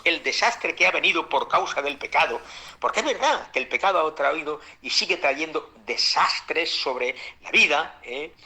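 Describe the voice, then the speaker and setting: A man's voice: sits high, bright, forceful tone. A man preaching a Bible-school sermon as pastor, fervent, with many fillers, repeated words and whispered asides, addressing his listeners as brothers.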